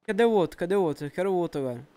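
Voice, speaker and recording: A Brazilian man playing through a game with a friend, jokey and quick to laugh. His pitch rises and falls a lot, and his voice is close and dry. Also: expressive, dark tone, clean tone, dry recording. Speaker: gaming channel co-host. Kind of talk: casual gameplay banter.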